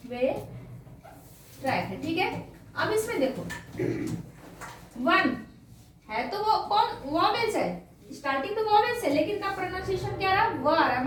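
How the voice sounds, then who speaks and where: A woman teaching a classroom grammar lesson, explaining step by step and asking her students questions. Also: very high voice. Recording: echoey room, voice from far off, faint noise.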